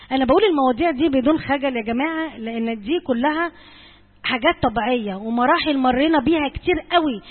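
A woman's voice: high voice, long reverb tail, narrow, tinny audio. An Egyptian woman giving an earnest church talk to mothers, speaking directly and repeating points for emphasis. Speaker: church servant advising mothers.

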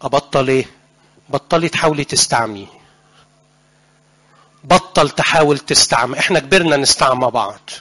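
A man with an Egyptian accent preaching a church sermon, animated and putting questions to the congregation. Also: mid-range voice, brisk, long pauses. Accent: Egyptian Arabic.

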